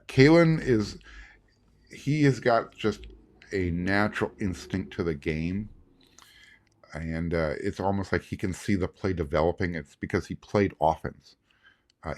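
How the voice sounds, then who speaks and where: A man hosting a sports podcast, recapping in a casual, rambling way with many fillers and restarts. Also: low-pitched. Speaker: podcast host.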